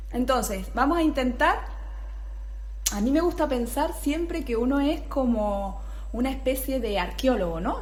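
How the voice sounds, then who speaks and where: Patient woman teaching flute. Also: on the high side. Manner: patient, explanatory, checks in with "¿vale?"; scat-sings rhythms between phrases. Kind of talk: music tutorial.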